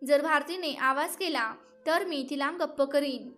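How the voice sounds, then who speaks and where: A woman's voice: high voice, unhurried, a bit bright, faint music behind. A woman voicing a cruel, arrogant young prince in a plain storybook reading. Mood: scheming.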